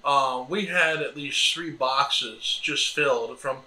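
An American man in his thirties co-hosts a homesteading vlog, seated at a table in a small sunlit room by the windows. In a mid-range voice with a bright, forceful tone, he speaks slowly, explaining things to the camera in a casual, wordy, meandering way. The room sounds echoey.

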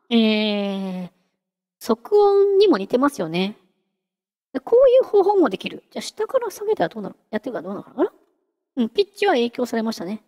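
Chatty high-voiced woman explaining software. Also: in a large hall. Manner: chatty, giggly, talks while clicking through a demo. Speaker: VTuber host teaching singing-synth software. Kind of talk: casual software tutorial.

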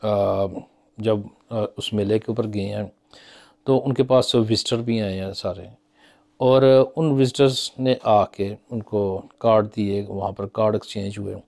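A middle-aged man from Pakistan talks straight to the camera from a small office, recorded on a phone held at arm's length. He thinks aloud in a loose, conversational way, pausing on fillers as he works through his figures. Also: fairly low pitch, fairly even intonation, gravelly, darkish tone. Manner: conversational, musing, with many fillers and hand gestures. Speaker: business commentator. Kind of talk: casual talk to camera. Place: small office with framed certificates on the wall.

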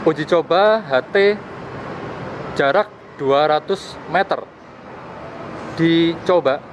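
A young adult man who reviews gadgets as a vlogger walks through open plazas, a park and streets, casually explaining a field test and repeating himself. His voice is on the high side and slow, recorded by a camera held at arm's length, so it sounds muffled amid noisy outdoor street and park ambience.

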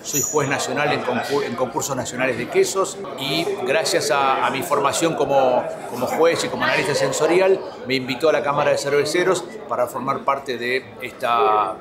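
A man introduces himself to camera as a competition judge, steady and a little formal. A loud crowd fills the background of the recording. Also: medium pitch, moderate pace, few pauses. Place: festival, indoors. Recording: loud crowd noise behind.

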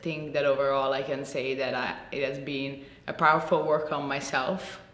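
A woman in her thirties from Italy, answering interview questions with many pauses and restarts. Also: level tone, fairly bright tone. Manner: hesitant, many fillers and restarts. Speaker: program alumna. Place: indoor room with shuttered window. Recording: echoey room with faint rumble.

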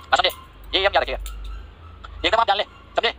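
A man races through an online grammar lesson at a breakneck pace. His voice is bright and forceful. He keeps repeating points and checking that his students follow, and he drops in teasing, chatty asides. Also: high-pitched, lively intonation, fast, a little hiss or hum. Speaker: English grammar teacher.

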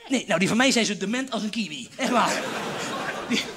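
A man's voice: sits high, animated, a little fast, crowd noise, background noise. A man telling a rambling, crude story as a stand-up comedian on a theatre stage before an audience. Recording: live show with audience laughter.

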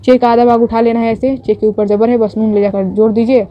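A woman teacher explaining a writing lesson slowly and patiently, repeating each step and checking in with her students. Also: a little high, level tone, a little hiss or hum. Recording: dull lo-fi audio.

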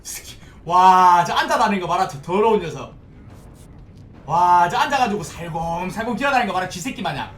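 Excitable high-voiced male game streamer. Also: normal speed. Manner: excitable, swears often, pleads loudly with teammates. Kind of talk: live gameplay commentary. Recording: roomy, distant mic, faint background noise.

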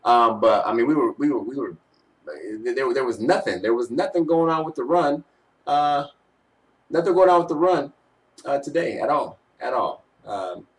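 A man's voice: medium pitch, far from the mic, low-quality recording. A young man gives casual postgame sports commentary. He is slangy and teasing, like a fan vlogger. The sound is a home webcam recording from a small bedroom, slightly away from the mic. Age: young adult. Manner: slangy, teasing trash talk. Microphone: webcam at arm's length.

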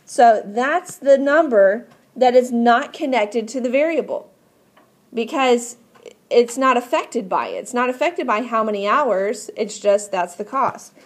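This woman's voice sits on the high side and is expressive and a little slow. She walks a math class through each step patiently, frequently checking comprehension with questions.

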